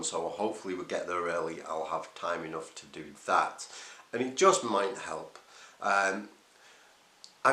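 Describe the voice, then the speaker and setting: A man's voice: deep voice, pushed and bright, roomy sound. A man recording a casual, hesitant video diary, thinking aloud as he talks. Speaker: runner vlogging his race preparation.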